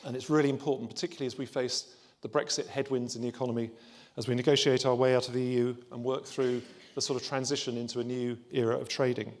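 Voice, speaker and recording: A man's voice: medium pitch, little pitch movement, fast. A man, a trade body's chief executive, giving an upbeat welcome speech to open a conference, with a few restarts. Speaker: trade body chief executive opening a summit.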